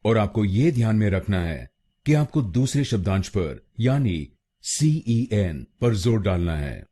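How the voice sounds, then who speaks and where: A man from India with an Indian accent, giving a scripted pronunciation lesson and breaking words into syllables slowly and carefully. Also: on the low side, dark tone. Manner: slow, careful syllable-by-syllable delivery. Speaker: pronunciation teacher.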